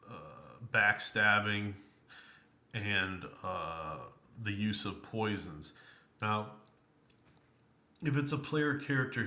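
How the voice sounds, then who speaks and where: A man with a somewhat low, bright voice talks through an old tabletop game book at an unhurried pace. He rambles and halts with many ums and uhs. The room around him is echoey. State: tired, yawning. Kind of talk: casual spoken review of a game book.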